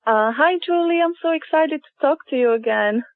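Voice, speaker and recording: A woman's voice: high voice, expressive, brisk, no echo. A woman calling in to a show over the phone, hesitant and searching for her words with fillers and restarts. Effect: heard over the phone. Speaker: caller. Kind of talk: casual phone call to a show. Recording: tinny phone line.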